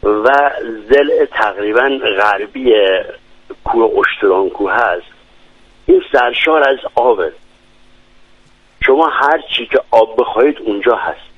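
A man's voice: mid-range voice, lively intonation, breathy edge, no room sound. Eager man. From Lorestan, Iran. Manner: enthusiastic, descriptive, many hesitations. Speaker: guest from a village. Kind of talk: radio interview. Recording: dry, dull lo-fi radio sound.

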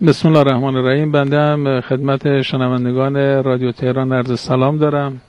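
A man, a government official, giving a formal, deliberate statement on the radio. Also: mid-range voice, little pitch movement, smooth. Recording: muffled remote line.

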